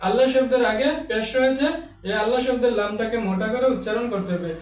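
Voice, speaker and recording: A man teaching an online Quran reading lesson, explaining each rule and then chanting Arabic examples in a slow, drawn-out recitation. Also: very high-pitched, recorded from a distance. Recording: echoey, off-mic room sound.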